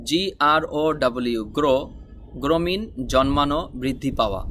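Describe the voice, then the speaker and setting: A man's voice: a little high, sharp tone, a little hiss or hum. A man teaching a spoken English lesson, explaining patiently and spelling words out letter by letter.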